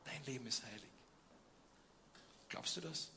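Young guy preaching, gravelly edge, bright tone, faint background hum, lots of ums. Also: medium pitch, a little slow. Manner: dynamic, swings from loud questions to quiet emphasis, frequent hesitations. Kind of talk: sermon.

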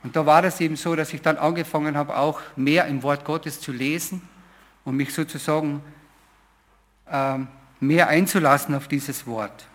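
A man's voice: fairly high pitch, steady tone, normal speed, fairly bright tone. A middle-aged man preaching a sermon, telling his own story informally, with hesitations and repeated phrases. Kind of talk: personal testimony sermon.

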